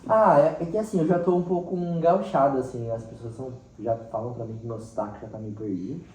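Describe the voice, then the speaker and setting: The man talks a little fast in a medium-pitched, darkish voice with fairly even intonation. Interviewed as a teacher, he tells expressive, casual stories with acted quotes, in a central-western Brazilian accent from Mato Grosso do Sul. Faint background noise comes through a roomy, distant-mic recording.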